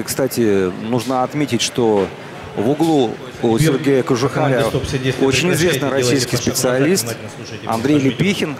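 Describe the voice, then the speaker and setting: A man giving conversational live boxing commentary, chatting with a colleague. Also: mid-range voice.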